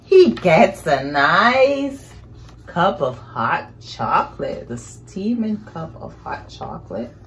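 Telling a picture-book story to little kids, a woman in middle age sounds very animated, slow and on the low side. She improvises around the book, full of questions and exclamations, from her seat on a couch in a small living room.

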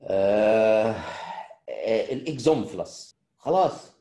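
Middle-aged Egyptian lecturer, casual and chatty, animated delivery. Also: male voice, on the low side, slow, reverberant. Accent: Egyptian Arabic. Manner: chatty, addresses students as kids, answers questions. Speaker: surgery lecturer.

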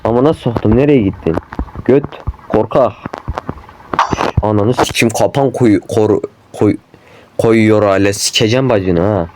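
A man's voice: on the low side, a little slow. Swearing man gaming, noisy mic. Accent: Turkish. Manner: constant swearing at the game, panicky yelling when chased. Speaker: gamer. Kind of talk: horror game let's play commentary. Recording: noisy home mic recording.

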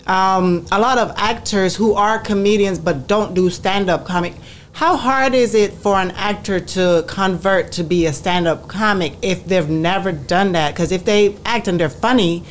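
A woman's voice: medium pitch, normal speed, slight background noise. A young woman co-hosting a podcast, asking curious, direct questions on a studio mic. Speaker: podcast co-host. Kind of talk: casual interview chat.

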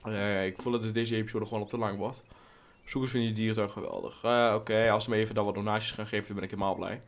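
A young man hosting a casual let's play, rambling and blunt, swearing freely, mixing in English phrases and breaking into sudden excited outbursts. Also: fairly low pitch, fast. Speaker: gaming channel host.

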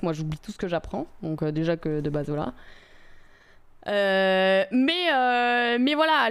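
A woman's voice: mid-range voice, clear, resonant tone. A woman streaming live, chatting casually with her viewers in a rambling way, full of fillers and restarts.

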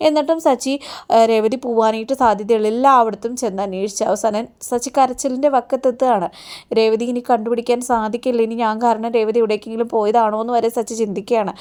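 A woman's voice: a little high, steady tone, fast, a little mellow. A woman retelling a TV serial episode in a chatty storytelling way, often adding a friendly aside at the end of sentences. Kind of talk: rapid recap narration of a TV serial.

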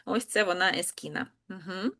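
A woman's voice: mid-range voice, normal speed, sharp tone. A woman language teacher explaining spelling patiently, step by step, in an online lesson.

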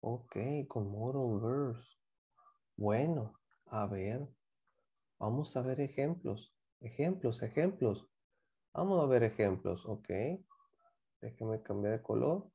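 A man's voice: medium pitch, animated, slow pace, pauses often, warm tone, breathy edge, dull audio. A man teaching a class, patiently explaining grammar and repeating examples while asking students to join in. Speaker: English teacher.

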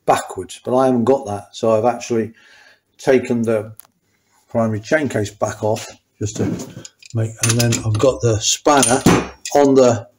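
An older man talks through a workshop repair, pausing and restarting his sentences as his hands stay busy. His voice sits at an ordinary middle pitch, and it sounds close to the camera in a small garage. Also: fairly even intonation, darkish tone, slight background noise. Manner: thinking aloud, restarting sentences while working. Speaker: motorcycle mechanic.

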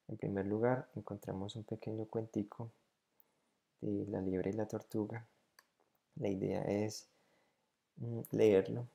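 A man's voice: lowish voice, creaky, dark tone. A man teaching an English grammar lesson to schoolchildren, explaining patiently step by step and repeating each example in two languages.

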